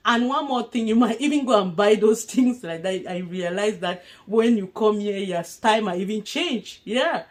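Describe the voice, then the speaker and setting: A woman's voice: medium pitch, normal speed, hardly any pauses. A young woman from Africa giving casual, earnest advice in a vlog, laughing often as she talks. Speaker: vlogger.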